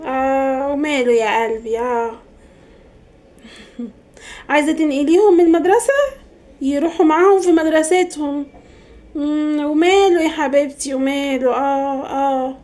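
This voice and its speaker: A woman's voice: high-pitched, moderate pace, long pauses, close to an everyday voice. A woman with an Egyptian Arabic accent voicing a fussy, superstitious middle-aged mother in a comedy sketch, scolding and gossiping. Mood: gossipy. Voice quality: scolding, then hushed gossipy phone chatter.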